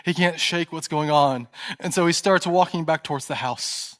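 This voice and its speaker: A male pastor preaching a sermon in a church, telling a story and dropping to a soft, hushed voice at tense moments. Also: a little high, normal speed.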